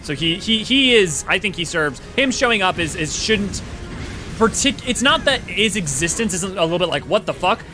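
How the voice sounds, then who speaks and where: Male streamer, casual chat with viewers; lively, bouncing delivery, keeps restarting sentences. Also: sits high, over music. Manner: excitable, rambling, quick restarts. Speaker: livestream host. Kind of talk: casual livestream chat reading viewer comments.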